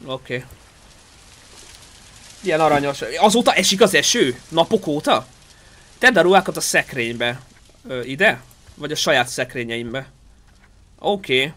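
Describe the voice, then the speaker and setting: A man streaming a game live, chatting excitably with his viewers, reacting aloud and thanking supporters. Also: on the high side, pauses often.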